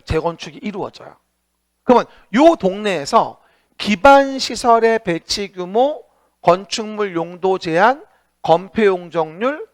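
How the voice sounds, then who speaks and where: A man giving an exam-prep lecture, asking rhetorical questions and repeating key points for students to recite. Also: sits high.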